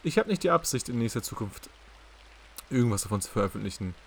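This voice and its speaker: Upset woman scientist in an audiobook, higher, louder, insistent, as a male reader puts her on. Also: quick pace, gravelly, a little hiss or hum, close to an everyday voice. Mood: indignant. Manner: raised, insistent, stumbles when upset. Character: indignant young woman scientist, guarded. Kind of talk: audiobook character reading.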